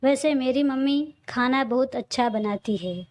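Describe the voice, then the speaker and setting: A woman's voice: sits high, a little slow, a little mellow, dry recording, studio quality. A woman voicing a cheerful, teasing young man who is a loyal friend, in a read-aloud audio story. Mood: friendly.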